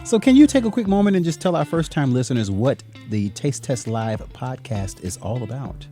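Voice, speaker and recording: A man's voice: mid-range voice, lively intonation, moderate pace, warm tone, soft background music. A man hosting an entertainment podcast, chatting in a playful, upbeat way with his co-host and guest. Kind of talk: casual podcast chat.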